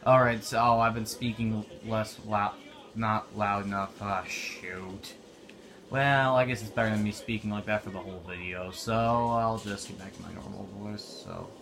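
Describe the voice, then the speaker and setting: A man's voice: on the low side, steady tone, normal speed. A young man giving casual, offhand commentary while playing a war video game. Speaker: gameplay commentator. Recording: noisy game audio behind.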